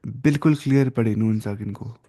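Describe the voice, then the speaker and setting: A man teaching the rules of Quran recitation, talking casually to his students and often slipping English terms into his explanations. He stops now and then to model example words slowly and carefully. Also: fairly low pitch, mellow. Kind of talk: casual tajweed lesson.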